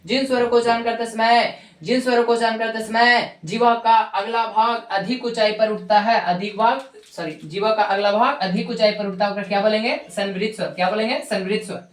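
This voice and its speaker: A woman's voice: a little high, fairly even intonation, fairly quick. Bihari-accented woman teacher drilling a grammar lesson, answering her own questions, recorded in an echoey room. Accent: Magahi-inflected Hindi from Bihar. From Bihar, India. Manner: repetitive drilling, asks questions and answers them herself.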